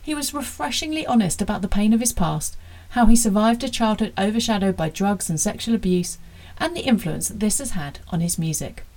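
A woman radio host delivers a smooth, scripted introduction. Her pitch rises and falls with lively variety, and a gravelly fry runs through her voice. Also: a little fast. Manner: polished, reads smoothly from a script.

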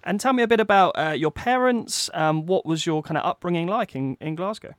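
A man's voice: high-pitched, lively intonation, fairly quick, a bit bright, no room sound, clean studio sound. A man hosting a radio interview, introducing his guest and asking questions in an upbeat, conversational way. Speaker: radio host and magazine editor.

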